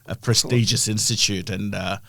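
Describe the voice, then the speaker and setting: A man's voice: fairly low pitch, fairly even intonation, normal speed, vocal fry, pushed and bright, no room sound, studio quality. A middle-aged man with a broad Australian accent, explaining his work as a guest in a conversational interview. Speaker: interview guest, health-tech founder.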